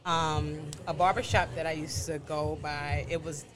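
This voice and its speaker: A woman tells a story as a guest on a talk show, with a lower-pitched voice for a woman. She is animated and casual, and she acts out the other people in her story as she goes. She speaks easily, like a baker chatting about her work. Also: measured pace. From New York City. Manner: lively, acts out what people said in her stories. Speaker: guest, baker and business owner.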